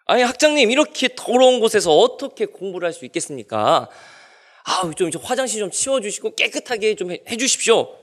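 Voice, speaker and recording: A man plays a rich young seminary student, indignant and pleading, in a story told from the pulpit. His voice climbs high and swings widely as he complains to the dean. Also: big pitch swings, brisk, fairly bright tone, full character voice.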